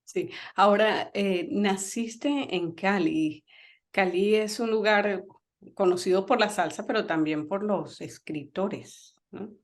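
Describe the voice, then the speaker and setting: A woman hosts a Spanish-language radio talk show, welcoming listeners and chatting with her guest through questions and fillers in an interview. Her voice is mid-range and slow.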